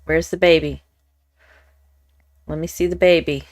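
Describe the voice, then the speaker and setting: Slow-talking woman streamer, dry close sound. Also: low-pitched, steady tone, dry recording. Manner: swears freely, exasperated with the game. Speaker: live streamer. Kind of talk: casual gaming chat.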